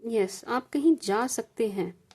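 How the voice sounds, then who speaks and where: A woman's voice: a little high, a little slow, mellow. A woman from India giving a collective tarot reading in a casual, repetitive, reassuring way, mixing Hindi with English phrases. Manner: calls viewers "sweet sugar gems" and adds "ठीक है जी". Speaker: tarot reader.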